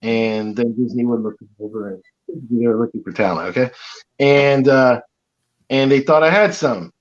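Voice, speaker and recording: A man talks on a dull, muffled phone connection, so his voice sounds like it comes through a wall. He tells his story in a halting, rambling way, full of fillers and restarts. His pitch sits in the middle. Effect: muffled, as if heard through a wall. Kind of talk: casual chat, telling a childhood story. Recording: dull muffled mic on a call.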